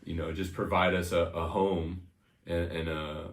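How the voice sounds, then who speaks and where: A man in his thirties from Connecticut, with an American accent and a deep, level voice, reminisces informally as an interview guest, telling personal stories at a measured pace. He says "you know" a lot, and the audio sounds roomy.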